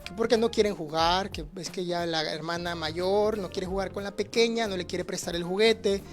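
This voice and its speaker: A man's voice: sits high, moderate pace. Male teacher, earnest explainer, frequent restarts and tag questions, faint music behind. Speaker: teacher speaking on conflict resolution. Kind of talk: livestreamed talk answering audience questions.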